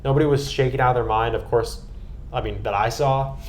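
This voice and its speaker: With a steady, medium-pitched voice and a fairly quick pace, the American man recaps a trip as podcast guest and co-host, casual, earnest and enthusiastic. A little hiss or hum sits under the audio.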